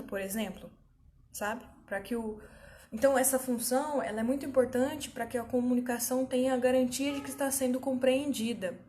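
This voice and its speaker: A woman's voice: a little high, darkish tone. A woman teaching an online grammar lesson, explaining patiently and often checking that students follow.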